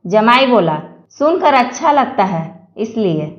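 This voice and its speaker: A woman reads jokes aloud at an unhurried pace. Her voice sits high, and the room around her is echoey. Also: very animated, muffled recording. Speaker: joke reader. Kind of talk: reading Hindi jokes aloud.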